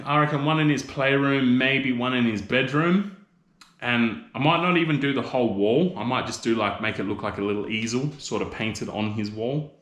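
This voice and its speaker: A man's voice: mid-range voice, fairly bright tone. A man in his thirties with an Australian accent hosting a casual live chat with viewers, rambling and teasing them with mate and bro. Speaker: livestream host. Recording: roomy echo.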